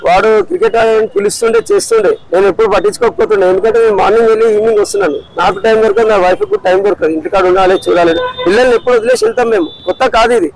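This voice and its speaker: A man's voice: high voice, huge pitch swings, racing, vocal fry, hardly any pauses, rough recording. A man, a grieving father in an emotional street interview, talking in a repetitive, pleading way. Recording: crowd noise outdoors.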